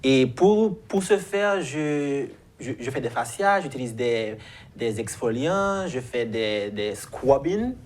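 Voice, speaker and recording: A man in his thirties, a guest chatting about grooming in a halting way with many restarts. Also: mid-range voice, expressive, darkish tone. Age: 30s. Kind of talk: casual chat.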